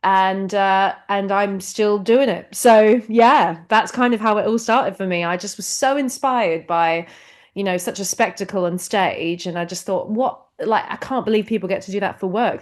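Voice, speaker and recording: A woman talks as a guest on a podcast, at a middling pitch. She is bubbly and expressive and laughs easily as she tells her story. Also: moderate pace. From New Zealand. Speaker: actress and singer, guest. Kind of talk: casual interview chat.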